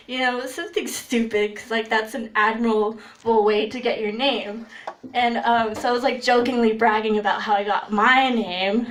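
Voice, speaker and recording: A young woman telling funny stories on a stage, laughing as she goes and acting out what people said. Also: fairly high pitch. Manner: animated, laughs while telling, acts out quotes. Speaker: storyteller. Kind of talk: live comedic storytelling. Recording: roomy echo, voice from far off.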